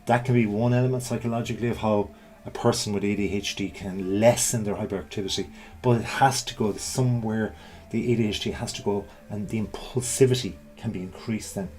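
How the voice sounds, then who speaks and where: A middle-aged man gives a casual explanatory talk in a lowish, darkish voice, speaking briskly with fairly even intonation. He keeps it conversational, regularly checking in with the listener through rhetorical asides.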